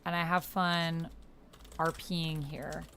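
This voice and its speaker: Speaking slowly in a low-pitched voice, a woman plays a text-based online roleplaying game, casually commenting and reading the typed chat out loud. The recording carries steady background noise and the sound of a computer keyboard.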